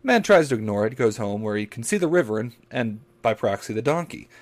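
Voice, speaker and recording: A man's voice: fairly low pitch, big pitch swings, brisk. Crude joke-telling man. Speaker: podcast co-host. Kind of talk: casual podcast chat.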